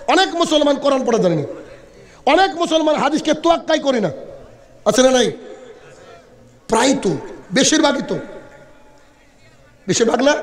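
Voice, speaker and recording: A male Islamic preacher giving a didactic sermon in short, separated staccato phrases, repeating himself and asking rhetorical questions. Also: extremely high pitch. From India. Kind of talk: Bengali waz sermon to an audience. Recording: echoing amplified voice.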